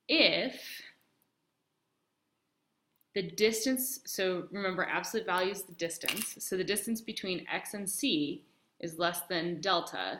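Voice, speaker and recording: A woman's voice: fairly low pitch, fairly bright tone. Chatty woman teaching math, echoey room. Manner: chatty, many ums, talks to herself while writing. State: has the hiccups. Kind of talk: casual math lesson.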